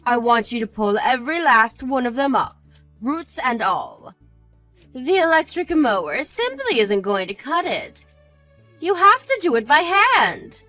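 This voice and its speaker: A woman's voice: high-pitched, big pitch swings, a little slow, sharp tone, soft background music, exaggerated voice. A woman playing a haughty, cruel older mother-in-law in a scripted audio drama, indignant, hurt and angry as she scolds. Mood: imperious scolding.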